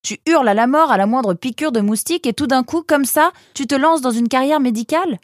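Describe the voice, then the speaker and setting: A woman's voice: mid-range voice, normal speed, no room sound, studio quality, pitched above the performer's own voice, natural voice. Woman doing an exasperated critical creature friend. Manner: reproachful, exasperated.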